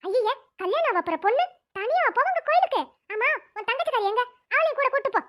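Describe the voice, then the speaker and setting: A woman voicing a stern, bossy old village grandmother in a cartoon, with a shrill scolding manner. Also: very animated, fast talker, a bit bright, exaggerated voice. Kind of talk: cartoon voice acting.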